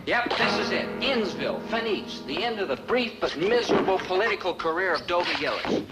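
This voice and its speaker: A man's voice: sits high, lively intonation, brisk, loud music behind the voice. An actor playing an earnest, lovesick young man running for office in an old sitcom, wordy and flustered. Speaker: student candidate.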